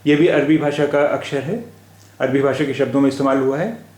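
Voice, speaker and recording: A man teaching letters and words in a slow spoken lesson, patiently repeating each sound aloud, with an Indian Hindi-Urdu accent. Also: mid-range voice, steady tone, darkish tone. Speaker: language teacher. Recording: echoey room recording.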